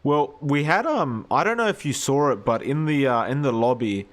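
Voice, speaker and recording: A man casting a live video game match, animated and quick to rise at big plays. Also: mid-range voice. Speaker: esports caster.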